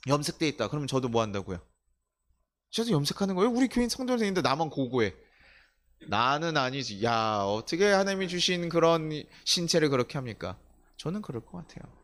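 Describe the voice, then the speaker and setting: A man's voice: on the high side, sing-song, brisk, fairly bright tone. A middle-aged man preaching a sermon in a church, talking in a conversational way, asking his listeners questions and acting out the voices of the people he quotes. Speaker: pastor. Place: church sanctuary.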